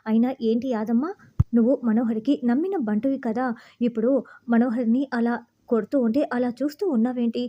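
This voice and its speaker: A woman's voice: fairly high pitch, fairly even intonation, brisk, lo-fi sound, slight background noise, lightly acted. Woman voicing a sly teasing housewife hostage. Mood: mock-innocent. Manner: mock-innocent, taunting.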